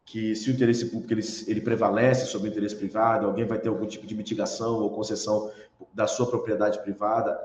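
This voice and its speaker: A man's voice: fairly low pitch, darkish tone. A man with a Brazilian accent giving a university lecture, explaining as he goes and asking questions he then answers himself. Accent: Brazilian Portuguese. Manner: explanatory, poses rhetorical questions, frequent tag questions. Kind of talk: recorded online lecture. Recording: echoey room, dull lo-fi sound.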